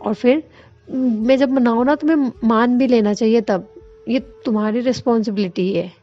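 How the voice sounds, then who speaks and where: A woman's voice: a little high, normal speed, dull audio, faint music behind, lightly acted. A woman voicing a young woman who pleads and coaxes as an apologetic, affectionate girlfriend. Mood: coaxing. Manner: pleading, coaxing.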